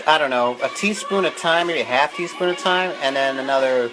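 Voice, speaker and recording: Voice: medium pitch, brisk. A home cook giving a casual, chatty and mildly profane cooking demonstration. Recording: music and sizzling pan behind. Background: music, frying food sizzle.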